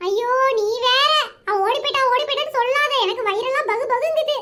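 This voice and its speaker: A woman voicing a fretful, dramatic village wife in a cartoon, with fast, excitable exclamations. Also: extremely high pitch, slight background noise.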